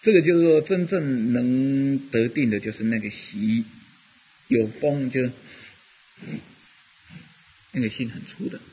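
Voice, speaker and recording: A man's voice: medium pitch, moderate pace, hardly any pauses, warm tone, slightly rough, highs cut off. A man giving a rambling, conversational Buddhist dharma talk, full of fillers as he teaches.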